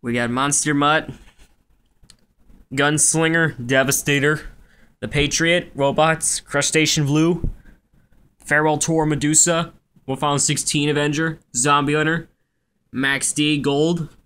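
A young man speaking quietly at night so as not to wake anyone, casually going through a collection item by item. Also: on the high side, little pitch movement, measured pace, long pauses, smooth. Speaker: toy collector showing his collection. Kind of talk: casual collection walkthrough, listing items. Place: carpeted room at home. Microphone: handheld camera, held by the speaker.

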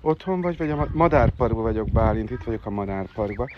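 A man live streaming by phone from an outdoor bird park, chatting to viewers and coaxing birds with excited squeals. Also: on the low side. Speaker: livestreaming animal keeper. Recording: dull phone audio with faint noise.

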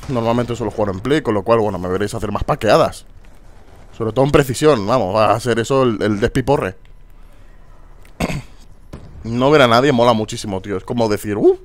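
A young man commentating his online shooter match, foul-mouthed and exasperated, bursting into shouts. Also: medium pitch, moderate pace, long pauses. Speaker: gameplay commentator. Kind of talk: casual gameplay commentary.

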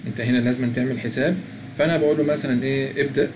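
Speaking very fast at a mid-range pitch with fairly even intonation, a middle-aged man with an Egyptian Arabic accent walks viewers through a language app, reading prompts aloud in a chatty screen-recorded tutorial. Background noise is audible.

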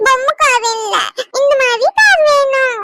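A woman's voice: very high-pitched, normal speed, very noisy. A woman voicing a playful little boy in a cartoon, whining and begging his mother. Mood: pleading. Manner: whiny, begging.

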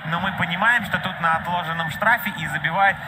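A man's voice: high-pitched, brisk. A man giving live commentary on an ice hockey game. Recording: loud noise behind commentary.

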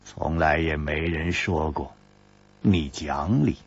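A man's voice: very deep voice, slow pace, breathy edge, highs cut off, pitched below the performer's own voice, exaggerated voice. A male storyteller voicing a suave hero who speaks in a leisurely, drawling way. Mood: languid.

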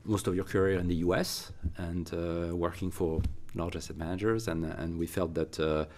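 Deep-voiced man, hesitant. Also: steady tone, moderate pace, darkish tone. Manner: hesitant, many fillers and restarts. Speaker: interviewer, consultant. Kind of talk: conversational interview. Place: recording studio.

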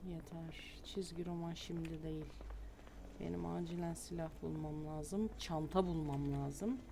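A woman's voice: low voice, steady tone, a little slow, gravelly, background noise. A woman commenting casually on her own game play, muttering to herself, swearing and getting panicky. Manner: talks to herself, swears, panics and yells when chased. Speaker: gamer streamer.

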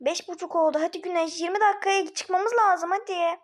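A woman playing a flustered older sister rushing to get to school, talking to herself and repeating words in a homemade mini-series. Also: extremely high pitch, steady tone. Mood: bossy.

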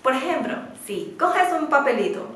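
A woman with a Chinese accent teaching a beginner Mandarin pronunciation lesson in slow, imperfect Spanish, modeling syllables for students to repeat. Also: high-pitched, very animated, fairly bright tone. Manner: slow, patient, with non-native Spanish grammar; models syllables in clear, drawn-out repetitions. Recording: very echoey room.

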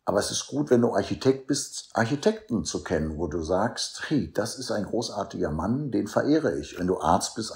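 A man's voice: sits low, a little mellow. A middle-aged man coaching men in a motivational monologue, emphatic and preachy, talking straight to the listener. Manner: emphatic, preachy, addresses the listener directly with frequent "ja?". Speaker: men's coach.

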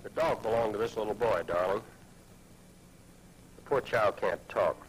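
An actor playing a practical, kind man in a 1960s family film, speaking in a brisk, earnest manner. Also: on the low side, slight background noise, natural voice, poor audio. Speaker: adult helping search for a lost dog.

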